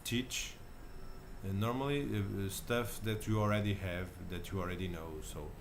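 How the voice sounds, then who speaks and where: Hesitant Portuguese-accented man, deep voice. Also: normal speed, background noise. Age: 30s. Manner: hesitant, many fillers and restarts. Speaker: channel host. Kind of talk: casual self-recorded talk. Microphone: camera mic.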